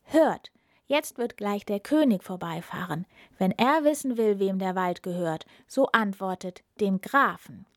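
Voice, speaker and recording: A woman voicing a clever, flattering male talking cat from a fairy tale, with a bright, eager, cunning manner. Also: medium pitch, a little slow, no echo, clean studio sound, close to an everyday voice. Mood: commanding.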